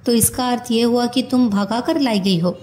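A woman reading a storybook who voices a calm, probing young male sleuth with a cool, questioning manner. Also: fairly high pitch, moderate pace, close to an everyday voice.

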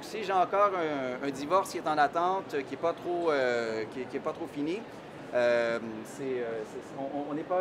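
Speaking into a handheld mic before an audience in a big exhibition hall, a middle-aged Québécois immigration consultant presents at a conference. He pauses often on "euh" while explaining, in a voice that's high for a man and carries a Québécois French accent, with clear hall noise in the background.

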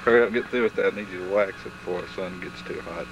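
A man's voice: sits low, fast, highs cut off, background noise. A man, chatting casually and explaining things step by step, heard through old camcorder audio. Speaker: family member filming home movies. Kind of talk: casual home video chatter. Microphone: built-in camcorder mic.

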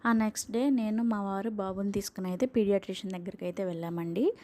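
A woman's voice: mid-range voice, fairly even intonation, fast talker, warm tone. A young woman, a mother, talking casually and earnestly to viewers, reassuring them and listing newborn-care tips one by one. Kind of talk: casual spoken vlog advice.

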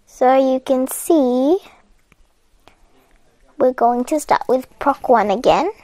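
Woman, high voice, slow unhurried pace, game walkthrough tutorial, patient, shrugs off her slips. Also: mellow, dry recording. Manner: patient and chatty, laughing off her own slips. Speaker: coding tutorial host. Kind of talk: step-by-step game walkthrough narration.

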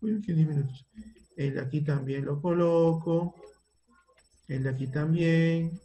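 A man's voice: fairly high pitch, unhurried, mellow. A man teaching a primary school computer class over a video call, patiently thinking aloud as he works on the screen, with a Peruvian Spanish accent. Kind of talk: online class, guiding a word-processing task.

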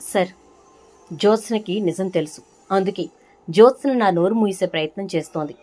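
A woman's voice: medium pitch, normal speed, mellow, soft background music, close to an everyday voice. A woman voicing a grown man who earnestly reveals a family secret.

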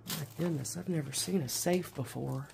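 A man's voice: on the high side, moderate pace, vocal fry, noisy background. A man narrating a walkthrough of an abandoned house, exclaiming often in amazement as he films with a handheld camera. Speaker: urban explorer vlogger. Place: inside a derelict house. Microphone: handheld camera mic.

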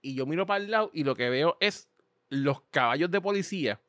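A young Puerto Rican man chats loosely and full of slang on a podcast. His voice sits on the high side and swoops up and down as he tells stories. The sound is dry and close, with no room around it. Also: brisk, no room sound. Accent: Puerto Rican Spanish. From Puerto Rico. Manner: animated storytelling, slangy, acts out voices. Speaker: podcast host. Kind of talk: casual chat.

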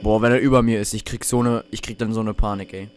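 A young let's play host comments on a horror video game while playing, his fairly low, darkish voice flat and quick. He's jumpy, swears, and talks to himself under his breath.

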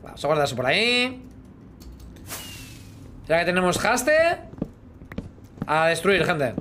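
During a live gaming stream, a man in his thirties with an accent from Spain jokes around with viewers and hums sound effects while playing, using a headset in a small room. His voice sits on the high side, pushed and bright, with big pitch swings and a slightly slow pace. A little hiss or hum is audible.

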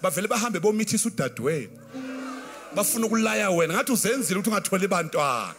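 A South African man in his thirties preaches with a very high, bright, forceful voice, rattling along at speed. He half-sings his impassioned lines into a handheld mic. A band plays softly behind him in a big church tent. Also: very animated, racing. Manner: impassioned, half-singing preaching mixing Zulu and English. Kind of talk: sermon. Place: large church tent with a congregation. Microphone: handheld microphone. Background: faint band music.

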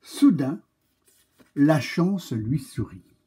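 A man reading a picture-book tale aloud to children, animated and speaking directly to his young listeners. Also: fairly high pitch, extremely slow, slightly rough. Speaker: storyteller for children.

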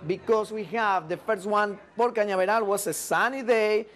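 Upbeat high-voiced Argentine man, cruise director style. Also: moderate pace. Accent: Argentine Spanish. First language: Spanish. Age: middle-aged. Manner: upbeat, animated cruise director delivery with emphatic repetition. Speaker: cruise ship activities manager and TV host. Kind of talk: unscripted promotional presenting to camera. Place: indoors at a ship restaurant entrance. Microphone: lapel.

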